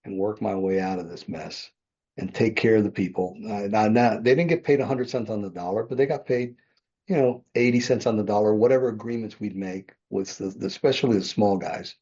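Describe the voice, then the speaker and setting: Appearing as a podcast guest, a real estate developer in his sixties meanders through his past in conversational interview storytelling, often stopping to correct himself and chuckling a lot. His voice is low, dark, a little husky and a bit fast. The audio is dull and lo-fi.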